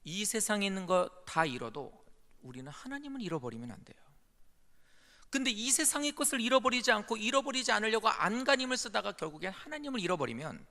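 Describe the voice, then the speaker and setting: A male pastor preaching a sermon, swinging between loud pleading outbursts and hushed whispers. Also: high-pitched, sing-song, quick pace. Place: church sanctuary. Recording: long church reverb.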